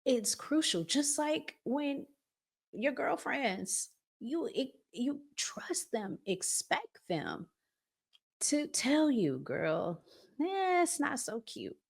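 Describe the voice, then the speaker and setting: Her voice sits high, sing-song and gravelly with a husky edge, and she draws her words out. She's an American woman running a relationship advice channel, chatting casually and emphatically in everyday language while acting out examples and lingering on key words.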